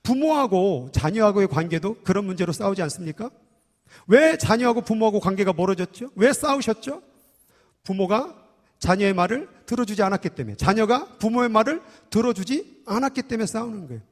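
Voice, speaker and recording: High-voiced pastor in a reverberant hall. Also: male voice, expressive, brisk. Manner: conversational, teasing the congregation with questions. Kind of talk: sermon. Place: church sanctuary. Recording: long church hall reverb.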